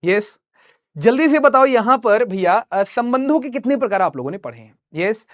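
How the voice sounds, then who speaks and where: A man's voice: extremely high pitch, animated, moderate pace, no echo. A young man teaching math live online, teasing students and reading their chat messages.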